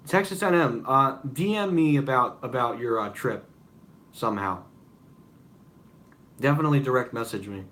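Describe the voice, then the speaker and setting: A man's voice: mid-range voice, animated, moderate pace, long pauses, fairly bright tone. A young man hosting a casual live-stream Q&A, rambling with many fillers and apologies. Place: room at home with noise behind.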